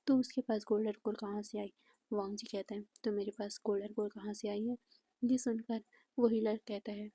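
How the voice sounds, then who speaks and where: A woman narrating a fan fiction story in a soft, breathy way that often drops near a whisper, recorded close to the mic. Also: mid-range voice, dry recording.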